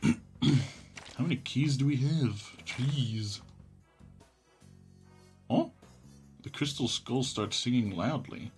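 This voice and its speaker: With game music behind him, a man livestreams a game, chatting casually and reading on-screen text aloud in a laid-back, mumbly way while humming to himself. His mid-range voice is a little mellow, slow, with long pauses.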